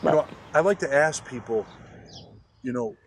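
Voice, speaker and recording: A man hosting a street interview outdoors, asking questions quickly and repeating the answers back. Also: on the high side, lively intonation, slight background noise. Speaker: street interviewer and show host.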